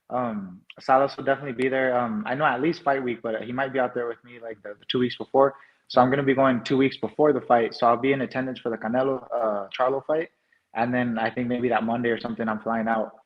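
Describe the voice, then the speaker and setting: A man's voice: mid-range voice, fairly even intonation, fast talker, lo-fi sound. A man from New Mexico with an American accent, chatting casually as an interview guest in laid-back, slangy phrasing. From New Mexico, United States.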